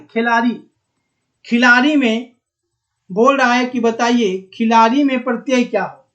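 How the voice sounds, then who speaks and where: Coaxing Bihari Hindi teacher quizzing students. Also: male voice, very high-pitched, fairly bright tone, dull audio. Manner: coaxing, repeats words and asks students questions. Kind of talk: online exam-prep lesson.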